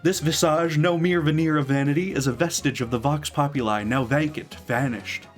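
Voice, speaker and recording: A man's voice: on the high side, fairly even intonation, moderate pace, soft background music, close to an everyday voice. A man doing a theatrical masked vigilante who declaims every phrase grandly, his voice lifted a little above its usual register. The delivery is lofty and over-ornate, and he trips over the tongue-twisting wording from time to time. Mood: grandiose. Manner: grandiloquent, stumbling over alliteration.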